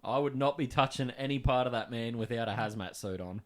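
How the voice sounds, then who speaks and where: A man's voice: mid-range voice, brisk. A man co-hosting a podcast, trading crude jokes in casual banter. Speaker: podcast co-host.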